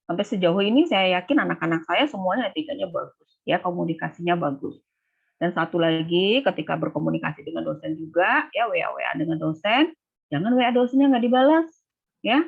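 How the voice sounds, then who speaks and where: Lively woman lecturer on a tinny call. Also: fairly quick, gravelly, breathy edge. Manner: animated, acts out student and lecturer quotes in a higher voice. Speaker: nursing lecturer and thesis coordinator. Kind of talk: online briefing to students. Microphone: video call. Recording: tinny phone-like online call audio.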